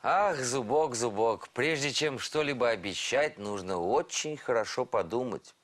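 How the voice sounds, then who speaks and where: A man voicing a friendly, reasonable mentor in a children's cartoon, speaking in a gently instructive way. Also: medium pitch, expressive, unhurried. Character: friendly, reasonable male mentor called Lyosha.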